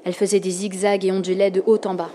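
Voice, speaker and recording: A woman narrating a storybook with calm, expressive reading. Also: medium pitch, fast talker, background noise.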